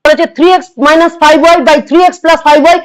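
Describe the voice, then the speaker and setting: A hoarse woman with a West Bengal Bengali accent, a math tutor giving an exam-prep lesson who repeats each step and coaxes students along. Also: high voice, little pitch movement, takes it slowly, rough recording. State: hoarse from a cold.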